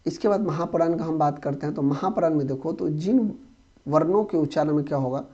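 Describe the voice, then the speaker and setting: A young man teaches an exam-prep grammar lesson in a loose, conversational way, keeping his explanation moving with frequent checks on whether the students follow. His voice sits a bit high and sounds mellow and soft-edged. The recording is dull and lo-fi. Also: a little fast. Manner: conversational, checks understanding often.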